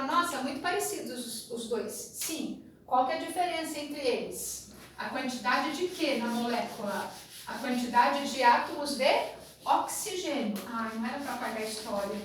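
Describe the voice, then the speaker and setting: A woman with a Brazilian Portuguese accent teaching a chemistry class in a chatty way, with a sing-song memory rhyme. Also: fairly high pitch. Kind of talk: classroom lecture. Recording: very echoey room, distant mic, faint noise.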